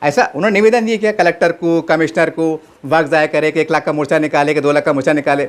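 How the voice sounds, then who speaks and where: A man's voice: fairly high pitch, fairly even intonation, fast talker. A man giving impassioned political commentary, asking rhetorical questions and answering them himself.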